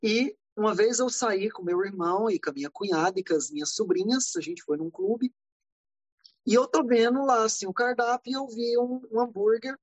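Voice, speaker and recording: A man from Brazil, a podcast guest, telling lively anecdotes in a casual way and acting out the dialogue. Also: high-pitched, normal speed, no room sound, rough recording. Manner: animated, acts out dialogue in anecdotes. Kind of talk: casual storytelling. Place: living in California.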